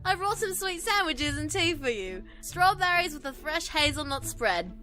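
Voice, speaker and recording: A woman voicing a cheeky, giggly young female maid in a visual novel, her delivery soft and breathy. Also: high voice, expressive, moderate pace, pitched above the performer's own voice. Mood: sweet. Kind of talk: reading a visual novel aloud.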